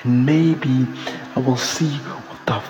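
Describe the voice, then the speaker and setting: Slow-talking man ranting with heavy swearing. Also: mid-range voice, fairly even intonation, highs cut off, loud music behind the voice. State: frustrated. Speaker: podcast host. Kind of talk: solo podcast rant. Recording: roomy with long reverb, faint noise.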